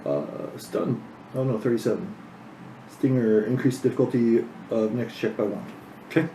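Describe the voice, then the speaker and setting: A man narrating a tabletop game as game master, slow and halting, with many fillers. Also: medium pitch, mellow. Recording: echoey room with background noise.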